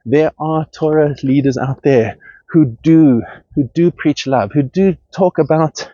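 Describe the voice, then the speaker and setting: Slightly high and a bit slow, this man's voice sits in a dry space with no room sound, and the audio is dull and lo-fi. As a podcast host, he gives an impassioned, earnest monologue that turns heated. Getting worked up, he keeps restarting and repeating words.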